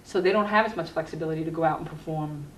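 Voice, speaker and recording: A middle-aged woman with a deep voice talks rapid-fire as a guest in a conversational interview, earnestly explaining her work as a university health educator. It's a cable TV program recording in an echoey room, with roomy echo, a distant mic and faint noise.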